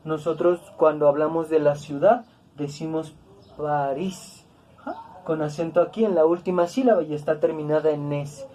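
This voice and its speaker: A woman teaching a grammar lesson, speaking slowly and deliberately, repeating words to stress each syllable. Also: sits low, mellow. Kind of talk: classroom-style grammar lesson.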